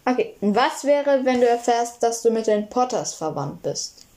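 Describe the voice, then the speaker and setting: A woman's voice: a little high, expressive, normal speed, mellow. A young woman in casual chat, hesitant and giggly, a little away from a phone mic. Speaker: co-host asking questions. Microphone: phone, a little far. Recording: phone recording with faint noise.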